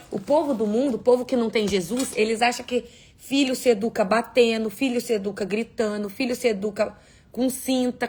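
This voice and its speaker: Gravelly-voiced woman preaching emphatically. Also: medium pitch, darkish tone. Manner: emphatic, asks the audience rhetorical questions. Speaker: preacher hosting a prayer livestream. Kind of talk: livestream sermon and prayer.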